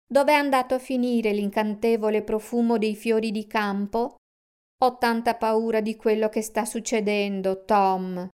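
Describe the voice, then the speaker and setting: A woman voicing a gentle, caring young female fox who speaks softly. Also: on the high side, clear, resonant tone, lightly acted. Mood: fretful. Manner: gentle, soft-spoken.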